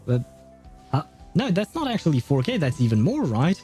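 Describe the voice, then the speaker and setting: A man with a slightly high, mellow voice whose pitch swoops wildly chats with viewers at a moderate pace while livestreaming a game. He rambles, hesitates, and chuckles often, with faint game music behind him.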